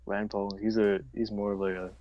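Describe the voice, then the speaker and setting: A man's voice: on the low side, little pitch movement, fairly quick, muffled recording. A young man co-hosting a livestream, chatting casually and rambling with lots of fillers. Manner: laid-back, rambling with many fillers. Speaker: livestream co-host. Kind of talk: casual chat.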